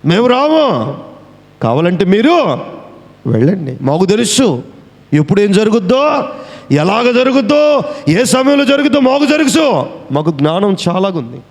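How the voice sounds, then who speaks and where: Man acting scoffing sons-in-law, sarcastic, high voice, hall reverb. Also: very animated, moderate pace, long pauses, a little mellow. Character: scoffing sons-in-law, mocking adult men.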